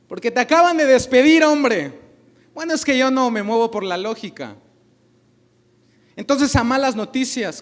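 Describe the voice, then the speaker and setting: A male pastor preaching a sermon, asking the congregation questions and acting out little dialogues. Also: extremely high pitch.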